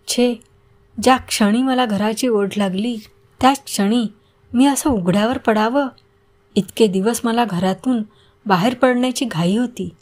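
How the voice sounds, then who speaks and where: A woman narrating an audio story in the first person, with a measured, reflective reading. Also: a little high.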